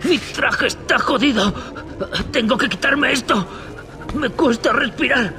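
An actor voicing a panicked, short-of-breath soldier who calls for help over a helmet radio in a video game dub. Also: male voice, extremely high pitch, a little slow. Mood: desperate. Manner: pleading, urgent calls for help. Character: panicked male soldier in a hazmat team.

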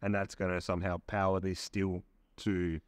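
A young man hosts an interview for language learners, keeping his questions short and clear. His voice sits slightly low, and the small room sounds dry and close. He sounds curious and often stops to restate things simply. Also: little pitch movement, normal speed, no room sound. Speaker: interview host. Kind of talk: hosted interview for English learners.

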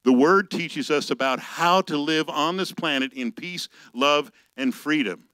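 Bright-voiced male pastor preaching. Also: fairly high pitch, no echo, poor audio. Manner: conversational preaching, reads scripture slowly, tells personal stories with laughs. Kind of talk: sermon.

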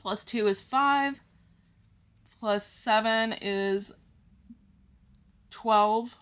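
A woman's voice: a little high, drawn-out words, fairly bright tone, smooth. A woman vlogging about her budget, explaining each step to viewers in a casual way and counting money aloud as she goes. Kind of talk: casual talk-through to the viewers.

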